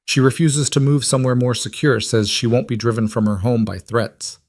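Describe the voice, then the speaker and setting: A man voicing a controlled, possessive crime boss husband who speaks in calm, curt, matter-of-fact lines. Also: mid-range voice, normal speed, no echo, pitched above the performer's own voice, lightly acted.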